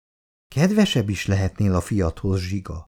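A man's voice: low-pitched, very animated, dark tone, slightly rough, heavily acted. A man reading a story aloud and voicing a weary, anxious mother who pleads with and reproaches her drunk husband. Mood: reproachful.

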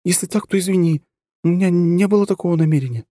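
A man puts on a pushy young female officer who keeps trying to win attention. Her voice is lifted far above his low natural register and has a coaxing, insistent edge. It is read close and dry. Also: fast talker, warm tone, dry recording, close to an everyday voice. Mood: apologetic. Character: persistent young female lieutenant, sweetly pushy.

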